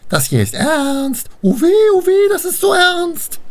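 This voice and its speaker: Shrill mocking river maidens. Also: male voice, huge pitch swings, unhurried, exaggerated voice. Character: three haughty, mocking young river maidens.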